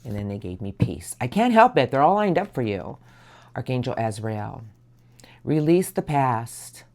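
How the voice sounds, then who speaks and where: A woman's voice: very deep voice, sing-song, warm tone. A woman giving a soothing, affirming tarot reading, speaking in an encouraging spiritual tone. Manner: soothing, affirming, drawn-out emphasis. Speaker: tarot reader.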